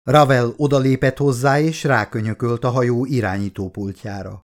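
A man reading his own novel aloud as an audiobook, in a steady, measured way. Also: mid-range voice. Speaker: author reading own book. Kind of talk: audiobook narration.

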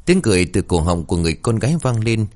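A man narrating a horror story in a dramatic, expressive reading. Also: lowish voice, fast.

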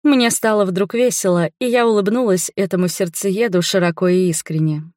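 A woman's voice: medium pitch, fairly even intonation, normal speed, a little mellow, no echo, studio quality. A woman reading a first-person novel aloud, narrating and voicing the characters in dialogue. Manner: voices several characters in dialogue. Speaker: audiobook narrator.

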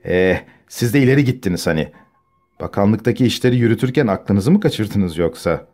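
A man voicing a fawning, mocking young man with a low, ingratiating voice in an audiobook. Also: lively intonation, moderate pace, darkish tone, soft background music.

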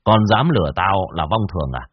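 A cold, threatening young exorcist voiced by a male narrator barks questions in a low, husky voice. The recording is dry and dull, with no room sound. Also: sing-song, a little fast, no echo, exaggerated voice. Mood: harsh scolding. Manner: harsh, scolding, threatening.

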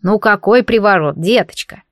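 A woman's voice: mid-range voice, normal speed, fairly bright tone, no room sound, clean studio sound, lightly acted. A woman voicing a kindly old uncle in an audiobook, coaxing and folksy. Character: kindly old uncle, homely and soft-hearted.

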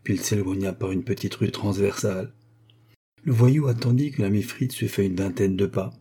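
A man narrating a classic novel as an audiobook in a measured, literary way. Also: lowish voice, warm tone, husky.

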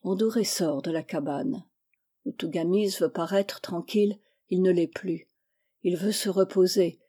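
A woman narrating a classic novel as an audiobook reader, measured and expressive. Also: on the low side, breathy edge.

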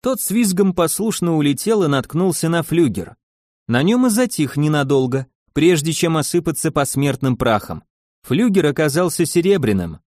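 A man narrating an audiobook with a lively, dramatic storytelling manner. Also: fairly high pitch, normal speed, no echo, studio quality. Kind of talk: expressive audiobook reading.

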